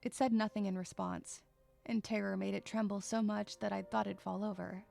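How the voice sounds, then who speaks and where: A woman takes the part of an irritable, sarcastic, troubled young loner, narrating a first-person audio drama with expressive sighs. Her mid-range, creaky voice runs at normal speed in a dry recording with soft background music. The mood is tense and brooding.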